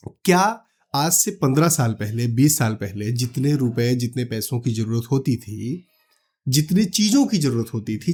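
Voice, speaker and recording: A calm Indian man with a fairly high voice teaches finance in an explanatory talk to camera. He stays practical and goes through the numbers one step at a time.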